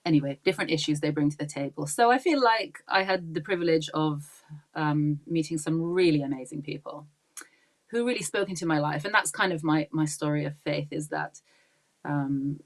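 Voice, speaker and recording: This podcast guest, a woman in her forties from a Pakistani upbringing, has a low voice at ordinary speed. Her casual interview talk flows readily, warm and chatty, broken up by frequent laughter and many ums.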